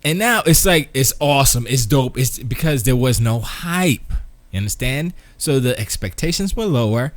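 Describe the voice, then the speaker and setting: A man's voice: medium pitch, expressive, moderate pace, no echo. Male gaming co-host, slangy trash talk, swooping delivery, dry close sound. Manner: slangy, trash-talking, playful. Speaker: stream co-host. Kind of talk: casual gaming chat.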